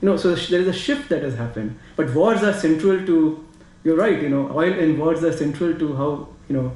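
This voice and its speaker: A man's voice: fairly high pitch, darkish tone. Indian-accented man in an echoey room. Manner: fast, repeats "you know". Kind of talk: discussion talk.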